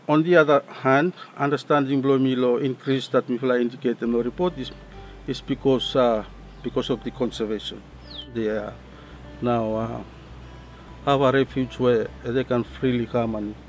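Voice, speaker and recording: A man's voice: mid-range voice, steady tone, moderate pace, long pauses, faint music behind. A middle-aged man with a Solomon Islands accent giving an explanation in an interview. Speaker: conservation coordinator. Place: outdoor deck by a river.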